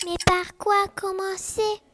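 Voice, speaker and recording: A woman voicing an excitable young male rabbit in a storybook read-aloud, exclaiming with childlike eagerness. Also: very high-pitched, slow, voice pushed up, heavily acted. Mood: eager.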